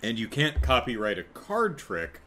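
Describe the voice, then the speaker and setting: A man's voice: medium pitch, huge pitch swings, unhurried, a bit bright. A man casually recapping a TV episode, rambling with many fillers and chuckling asides. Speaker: TV episode reviewer.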